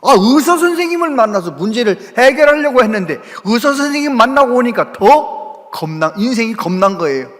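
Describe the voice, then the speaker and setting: Korean pastor guy preaching, high voice all over the place, big church echo. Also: moderate pace, hardly any pauses. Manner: animated storytelling preacher, voice rises and drops sharply. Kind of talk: sermon. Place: large church sanctuary. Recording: church hall reverb.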